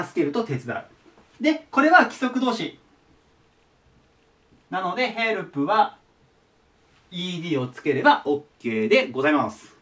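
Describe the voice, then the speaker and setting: A man's voice: high-pitched, a bit bright, far from the mic. A man teaching English verbs to students, patiently repeating each word form. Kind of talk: explaining English vocabulary to students.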